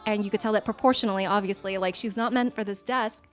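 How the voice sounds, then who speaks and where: A woman's voice: mid-range voice, fairly even intonation, quick pace, faint music behind. A woman in her twenties from the United States, a guest in a casual chat, speaking in an earnest, reflective and encouraging way. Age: 20s.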